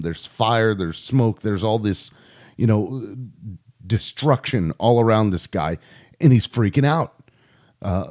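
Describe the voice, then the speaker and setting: A man with a lowish, dark voice provides informal opinion commentary between audio clips for a video. He spells out his points emphatically and repeats them.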